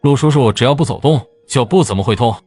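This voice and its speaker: A man's voice: medium pitch, fast talker, a little mellow, no echo, faint music behind, close to an everyday voice. A man playing a kind, injured man.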